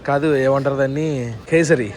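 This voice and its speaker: A man's voice: mid-range voice, level tone, brisk, a crowd in the background. A young man vlogging his trip, chatting casually and teasing his friends, filmed on a handheld phone. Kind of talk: casual travel vlog chat. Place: outdoors and in transit, airport and streets. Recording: noisy street and traffic sound.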